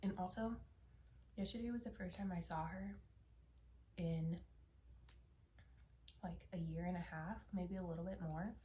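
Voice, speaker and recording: A young woman chatting casually while she eats on camera, candid and swearing offhandedly, often dropping into soft whispered asides. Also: on the low side, steady tone, unhurried, pauses often, echoey room, slight background noise. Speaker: mukbang vlogger. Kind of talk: casual mukbang chat while eating.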